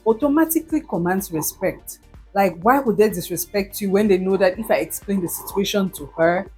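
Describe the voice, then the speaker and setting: A husky-voiced woman in her thirties gives business advice straight to camera, emphatic and direct with her viewers. Soft music plays faintly behind her. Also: medium pitch. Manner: direct and emphatic, addresses viewers, laughs often. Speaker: business owner giving advice. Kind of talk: motivational talk to camera.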